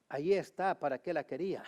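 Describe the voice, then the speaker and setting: A male pastor delivers a sermon in Spanish, speaking emphatically, repeating key phrases and sharing anecdotes. He shifts between loud, high-pitched exhortation and low, quiet asides.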